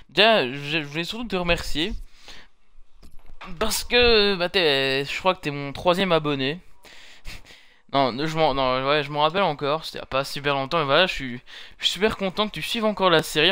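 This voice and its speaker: Young male gaming commentator, casual and rambling, bright tone, fairly high voice. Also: smooth, dry recording. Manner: chatty, rambling, self-correcting. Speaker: gaming YouTuber. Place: home gaming setup.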